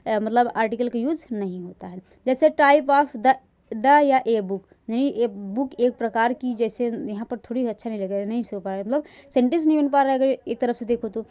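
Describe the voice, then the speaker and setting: A woman with a fairly high voice gives a grammar lecture. She slows right down to read each example sentence and stresses every word, then checks in with her listeners before moving on. The recording is dull and lo-fi. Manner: often checks in with "ठीक". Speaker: English grammar teacher. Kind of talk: classroom lecture.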